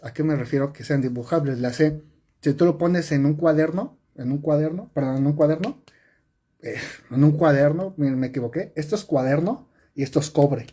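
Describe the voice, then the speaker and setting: On a live stream, a man teaches sign language step by step in a fairly high voice with a dark tone. He repeats and corrects himself and uses lots of fillers. The audio comes through a phone or webcam.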